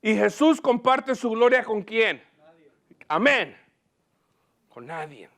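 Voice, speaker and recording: A male pastor preaching a lively sermon from a church platform, asking the congregation questions and mixing in English words. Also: high voice, takes it slowly.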